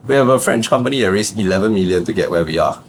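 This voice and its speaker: Racing along in a lowish voice with lively intonation, a young Singaporean startup founder tells casual stories as a podcast guest, slight background noise behind him. His Singaporean English is full of laughter and phrase-final "lah."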